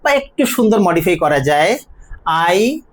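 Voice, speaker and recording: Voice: medium pitch, lively intonation. Patient teacher explaining step by step. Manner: explains step by step, asks and answers own questions; says model words slowly and drawn out. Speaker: English teacher. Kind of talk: spoken grammar lesson.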